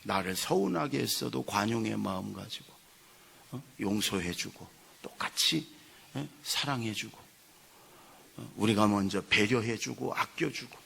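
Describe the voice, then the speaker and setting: Gravelly, bright-voiced Korean pastor preaching. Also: male voice, lowish voice, lively intonation, a little slow. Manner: storytelling with acted quotes, rising to loud emphasis. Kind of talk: sermon. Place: church sanctuary.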